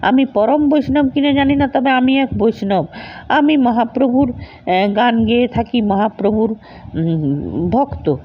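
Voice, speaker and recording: A woman's voice: on the high side, animated, a little slow, slightly rough. A woman voicing a humble, devout young male devotee who speaks earnestly and pleads with his lord. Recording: dull lo-fi recording.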